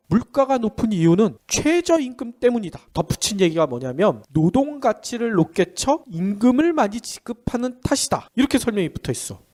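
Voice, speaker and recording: A man's voice: high-pitched, a little mellow. A man with a nasal, pinched-nose voice congested by a head cold, hosting a conversational economic briefing in a chatty, explanatory way with questions he answers himself. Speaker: economic news podcast host.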